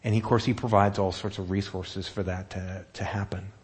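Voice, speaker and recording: Lower-voiced man preaching conversationally. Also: level tone, moderate pace. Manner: conversational, asks the room questions. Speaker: pastor. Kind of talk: sermon.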